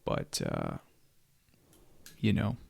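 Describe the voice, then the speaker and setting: A man's voice: low voice, huge pitch swings, extremely slow, creaky, a little mellow, breathy edge, no room sound, studio quality. A man co-hosting a podcast, chatting casually about a movie, curious and hesitant, full of questions. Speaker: podcast co-host. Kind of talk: casual movie commentary chat. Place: indoor room.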